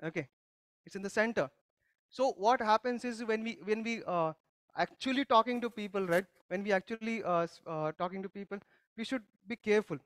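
A man's voice: high voice, fairly quick, a bit bright, no echo. A male pastor giving a conversational sermon, teaching by putting questions to the congregation and often restarting his sentences. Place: church service.

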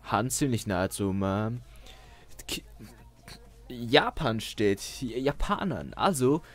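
A man's voice: medium pitch, lively intonation, takes it slowly. Young man, casual commentary, hesitant restarts, headset mic, faint background music. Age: young adult. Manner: rambling, hesitant, laughs at own jokes. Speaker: YouTuber. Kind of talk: casual screen-share commentary. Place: small bedroom at a desk.

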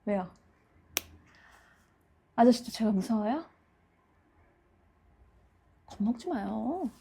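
An actress performs a female psychopath in a dramatic monologue. Her high voice swings widely between bright, giggly taunts and hushed threats. The manner is playful and mock-polite, with unhinged menace toward her captive. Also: a little hiss or hum.

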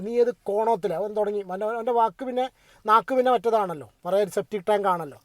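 A man's voice: sits high, a little mellow, no room sound. A man giving casual, opinionated commentary on a reality show, chatting straight to his viewers and asking what they think. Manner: chatty, addresses viewers directly, asks for their opinion.

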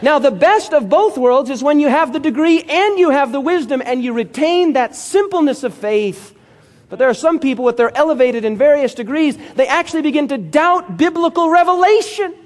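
A man's voice: very high voice, animated, normal speed. A male pastor preaching a sermon with emphatic storytelling and calls for amen.

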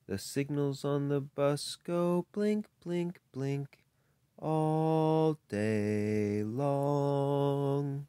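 Slow sing-song read-aloud of a kids book, mellow voice, dry close sound. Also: mid-range voice, clear, resonant tone, no echo. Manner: sing-song, drawn-out line endings. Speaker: storybook reader.

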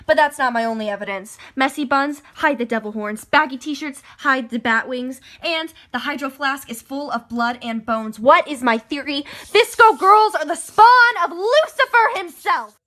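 A woman giving a deadpan, mock-serious conspiracy monologue. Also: high voice, normal speed, few pauses.

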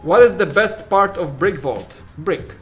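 Faint music plays behind a Polish-accented man in his thirties who co-hosts a relaxed Q&A from a big, shelf-filled studio. He jokes while answering viewers' questions, sometimes trailing off mid-sentence, in a high-pitched, animated voice at a measured pace.

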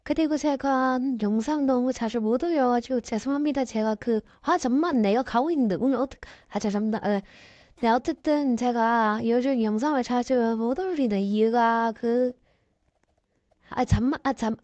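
A woman with a sore throat from a cold, speaking through a voice changer in halting, flustered, casual game commentary. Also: a little high, a little mellow, dry recording. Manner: halting, easily flustered, apologetic. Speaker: gaming YouTuber. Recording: dull, lo-fi, dry sound.

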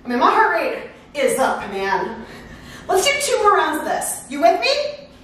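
A middle-aged woman coaching a workout as an energetic, encouraging aerobics instructor, exerting herself as she calls out cues and countdowns. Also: sits high, measured pace. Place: living room at home, indoors. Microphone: far camera. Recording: echoey room, far microphone, faint noise.

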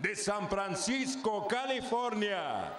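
A man doing booming, theatrical, bilingual ring announcing like a lucha libre announcer, stretching out the big moments. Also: big pitch swings, slow pace. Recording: echoey arena microphone with loud background noise.

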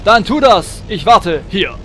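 Brief: man, high voice, playful let's-play commentator, hums and chants through fights. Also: big pitch swings, a little slow, bright, forceful tone, slight background noise. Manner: chatty, hums and chants while shooting, frequent exclamations. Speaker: let's player. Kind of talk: gameplay commentary.

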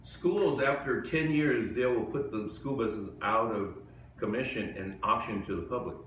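A man hosting a live comedy show in a rambling, digressive stand-up monologue with sudden high outbursts. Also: unhurried, a bit bright, slight background noise. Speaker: comedian host. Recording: echoey room from far off.

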